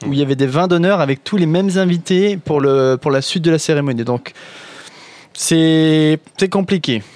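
Here is a man hosting a radio talk show with a playful, teasing way of asking his guests questions. His voice sits high for a man. The sound is close and dry, with no room around it. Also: moderate pace, darkish tone, no room sound. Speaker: radio host. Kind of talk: casual radio round-table chat.

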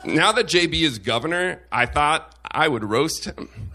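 A man's voice: fairly high pitch, expressive, measured pace, crowd noise. A man reading his own personal essay aloud on stage, with a wry, self-mocking humor. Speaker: op-ed reader at a live show.

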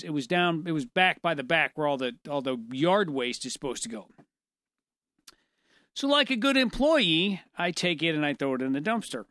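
A man co-hosting a casual chat, telling stories in an animated, self-deprecating way with frequent laughter. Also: fairly high pitch, dry recording, clean studio sound. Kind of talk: casual conversational storytelling.

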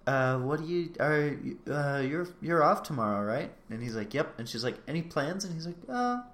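A man's voice: mid-range voice, normal speed. Guy on a chill podcast recapping a show, acting out what everyone said. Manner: animated retelling, acting out both sides of a conversation. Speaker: podcast co-host. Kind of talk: casual chat recapping a reality show.

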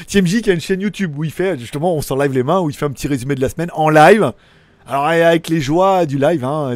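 Chatty tech host with a higher voice. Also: male voice, a little mellow, no echo. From Lyon, France. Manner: rambling, chatty, with crude slang and many fillers. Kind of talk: casual live stream, reading viewer chat.

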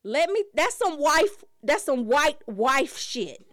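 A woman hosting a talk show, telling a story as a comedic rant. She swears freely and acts out the people she quotes. Her voice is high, bright and swings widely. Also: slow, no echo, studio quality. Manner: profane, animated, quoting people in acted voices.

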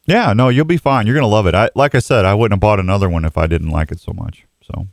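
A man's voice: on the low side, quick pace, gravelly, no echo, studio quality. A man hosting an outdoors radio show, chatting casually and jokingly with callers in a folksy way. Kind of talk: casual live sports radio chat with callers. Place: radio studio. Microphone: close studio microphone.

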